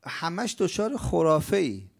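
Man, gravelly voice, religious lecture, rhetorical questions, loud bursts then hushed passages. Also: sing-song. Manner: emphatic, asks rhetorical questions and answers them; swings between loud bursts and low, quiet stretches.

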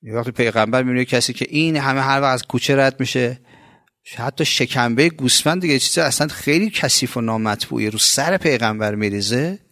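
Gravelly Iranian preacher man. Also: fairly bright tone, no echo, studio quality. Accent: Iranian Persian. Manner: conversational, swings between raised emphatic lines and low drawn-out phrases. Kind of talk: colloquial religious sermon.

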